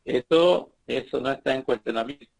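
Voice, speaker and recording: A man's voice: mid-range voice, moderate pace, creaky. A man teaching his congregation in an earnest sermon, repeating phrases and rising into emphatic bursts. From Bolivia.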